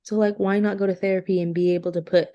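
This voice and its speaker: Mellow-voiced woman co-host, earnest podcast chat. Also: mid-range voice, little pitch movement, highs cut off. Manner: earnest, explaining, with quick laughs. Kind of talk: casual chat.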